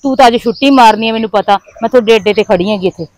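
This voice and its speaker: A woman's voice: fairly high pitch, very fast, darkish tone, natural voice. A young woman, playing a lovesick village college girl who pushes her friends for help. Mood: pleading. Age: young adult. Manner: pushy, pleading with her friends. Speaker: college student. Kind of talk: village family drama acting.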